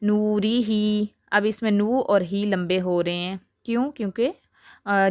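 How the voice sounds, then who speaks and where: A woman's voice: medium pitch, no echo, clean studio sound. Patient woman teaching recitation rules. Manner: patient, explanatory, drawn-out example syllables. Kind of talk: recorded tajweed lesson.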